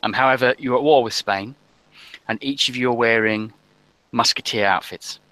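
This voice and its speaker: A man running a tabletop role-playing game as game master, talking haltingly with many ums and restarts. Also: medium pitch, sharp tone, no room sound, rough recording.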